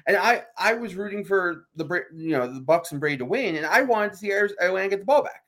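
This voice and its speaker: A man's voice: high voice, lively intonation, fairly bright tone. A man co-hosting a sports talk show, making emphatic points and often asking "right?". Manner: fast, emphatic, fills with "right?".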